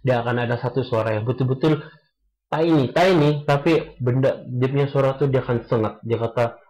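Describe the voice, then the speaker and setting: Young man, candid guest, earnest and halting, medium pitch. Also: darkish tone, rough recording. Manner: earnest, halting, many restarts, mixes English into Malay. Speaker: guest sharing experience. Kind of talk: casual podcast chat.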